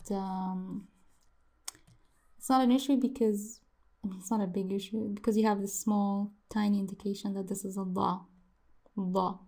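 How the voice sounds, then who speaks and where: Slow, gravelly-voiced woman teaching letters. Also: mid-range voice, mellow. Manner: slow, repeats sounds many times, muses aloud. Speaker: language teacher. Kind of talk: casual handwriting lesson.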